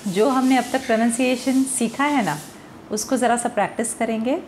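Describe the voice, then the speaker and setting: A woman with an Indian accent teaching English pronunciation, explaining slowly and quizzing the viewer. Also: a little high, a little mellow, slight background noise. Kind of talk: Hindi-language pronunciation lesson.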